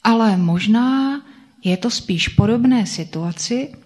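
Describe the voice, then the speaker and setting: A woman reading a first-person story aloud in a soft, reflective way. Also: a little high.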